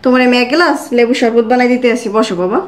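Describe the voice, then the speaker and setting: A poor mother, played by a woman, pleading and placating. Her voice sits fairly high and moves quickly. The room has a noticeable echo. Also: steady tone, close to an everyday voice. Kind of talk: amateur short-film acting. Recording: echoey room.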